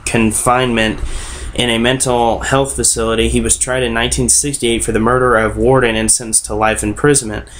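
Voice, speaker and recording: A young American man speaks at a middle pitch, slightly under the weather with a sore throat. He talks casually to the viewer as host of a web series, often stopping to correct himself. He is indoors at a computer mic. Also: fairly bright tone, slight background noise. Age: young adult. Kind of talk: casual vlog talk. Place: bedroom, indoors. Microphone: webcam or computer mic at desk distance.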